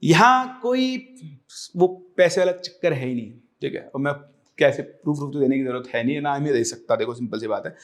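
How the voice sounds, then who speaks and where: A man's voice: medium pitch, expressive, normal speed. A young man and coaching teacher explaining a career decision to viewers, earnest and reassuring, slipping English phrases in. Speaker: online exam coaching teacher.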